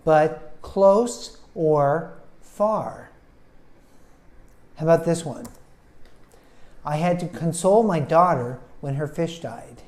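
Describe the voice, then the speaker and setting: A man teaching English pronunciation, speaking slowly and deliberately and sounding words out syllable by syllable. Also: a little high, a little mellow.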